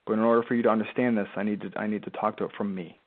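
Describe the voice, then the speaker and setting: Speaking fast in a lowish, steady voice, a man coaching on business delivers a motivational live talk to his followers from a chair at home. He's emphatic and conversational, peppering listeners with rhetorical questions and imitating their pushback. Audio is thin and phone-like.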